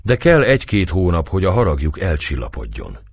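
A man's voice: deep voice, huge pitch swings, dry recording, exaggerated voice. Spirited young bride, eager and playful, read by a man, dry close sound.

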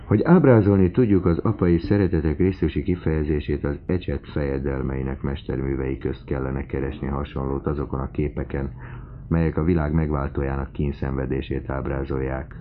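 A man narrating a classic novel as an audiobook, in a measured, even delivery. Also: very deep voice. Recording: tinny phone-like lo-fi recording with faint hiss.

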